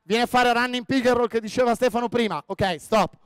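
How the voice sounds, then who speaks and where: A man running a basketball coaching clinic on the court, directing players with quick commands and frequent "ok?". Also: very high-pitched, fairly bright tone, smooth, no room sound. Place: indoor sports hall.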